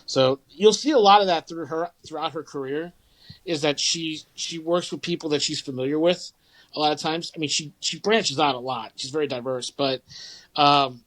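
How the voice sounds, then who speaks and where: A man's voice: a little high, fairly bright tone, low-quality recording. A man, co-hosting a podcast in casual, rambling chat full of fillers and restarts. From St. Louis area, Midwest US. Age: 40s. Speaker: podcast co-host.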